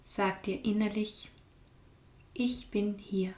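A woman guiding a meditation in a calm, soft-spoken way, often sinking into a whisper. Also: mid-range voice, slow pace, reverberant. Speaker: meditation guide. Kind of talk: guided meditation.

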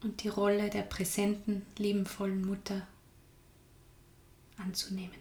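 Slow, calm woman guiding a meditation. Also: mid-range voice, echoey room. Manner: slow, calm, soft-spoken, drifts into whispers. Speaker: meditation guide. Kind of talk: guided meditation.

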